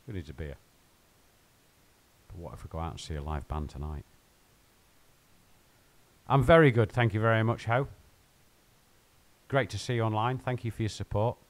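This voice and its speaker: Man, lowish voice, chatty game streamer, rambling, joking with chat. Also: a little fast, long pauses. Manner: rambling, joking, talks to viewers while playing. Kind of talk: casual live-stream chat.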